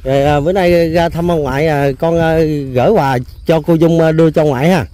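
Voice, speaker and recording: A man hosts a casual on-location interview. His voice sits notably high. He talks in a chatty way, repeating words and filling pauses with little hesitation sounds. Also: fairly even intonation, dark tone. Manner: chatty, repeats himself, many hesitation fillers. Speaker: host.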